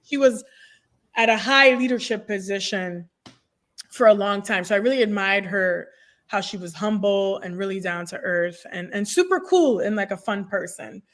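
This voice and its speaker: A nurse career coach in her thirties, a native French speaker, is an energetic guest on a conversational podcast interview recorded over a video call from a room in her home. Speaking at a medium pitch and moderate pace into a desk microphone, she tells stories with lots of energy and expressive hands.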